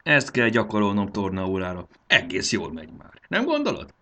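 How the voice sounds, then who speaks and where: A man's voice: fairly low pitch, huge pitch swings, sharp tone, full character voice. A man reading a storybook aloud and voicing a cheerful, playful young schoolboy who laughs and boasts. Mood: excited.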